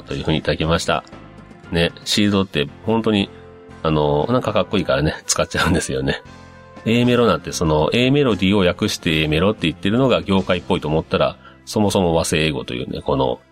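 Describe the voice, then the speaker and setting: A man hosting a casual talk show, reading listener messages aloud and musing on them in a relaxed, chatty way with plenty of fillers. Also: deep voice, fast talker, soft background music. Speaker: podcast host.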